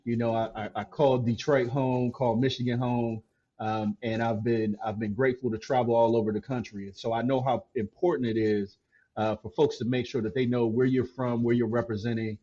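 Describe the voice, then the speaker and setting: A man from Canton, Ohio, hosting a podcast in casual chat, relaxed and repeating words as he starts his sentences. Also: mid-range voice, brisk, slightly rough, dull audio. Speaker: podcast host.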